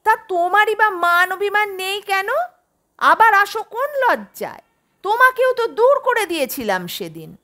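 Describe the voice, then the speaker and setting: A woman voicing a shrill, scornful sick mother. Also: wildly swooping pitch, slow, fairly bright tone, exaggerated voice. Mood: mocking, shrill. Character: distraught ill older mother, bitter and mocking. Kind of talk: audiobook character voice.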